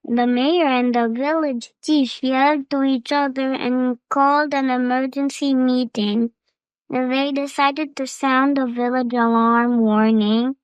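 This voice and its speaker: A woman reading a children's fable aloud as storyteller, slow and expressive. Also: high-pitched, smooth, no room sound.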